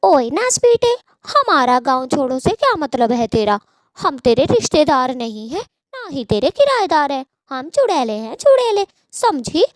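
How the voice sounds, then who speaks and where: A woman's voice: sing-song, moderate pace, no echo, clean studio sound. A woman voicing a foul-mouthed, boastful female witch in a cartoon story, who scolds and threatens. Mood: taunting. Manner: shrill, scolding threats and curses.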